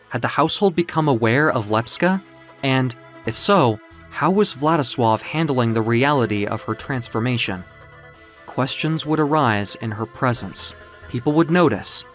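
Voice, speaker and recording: A narrator with a mid-range voice tells a dramatic story in a measured, literary, theatrical style, like an audio comic book.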